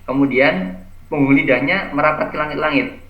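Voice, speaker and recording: A man teaching Quran letter pronunciation over a video call, slowly modelling each sound and repeating it. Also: fairly high pitch. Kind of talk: online recitation lesson. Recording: echoey, dull video-call audio.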